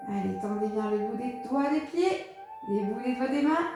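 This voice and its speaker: A woman leading a pilates class, calmly talking students through each movement and counting breaths aloud in a relaxed, chatty way. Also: on the high side, moderate pace. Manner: calm, encouraging, counts breaths aloud with casual fillers. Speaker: pilates instructor. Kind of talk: guided exercise class. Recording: echoey room with music behind.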